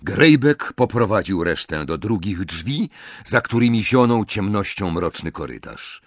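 A man narrating an audiobook with a measured, dramatic reading. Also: lowish voice, very animated, dry recording, clean studio sound.

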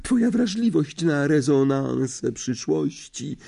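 A man's voice: sing-song, vocal fry, dark tone, husky, full character voice. A man voicing a dreamy, theatrical older female seer teacher in an audiobook, in a misty, quavering voice that drags out words melodramatically. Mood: languid. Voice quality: misty, quavering, swooping high voice. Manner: slow, melodramatic, drawn-out words. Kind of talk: audiobook character voice.

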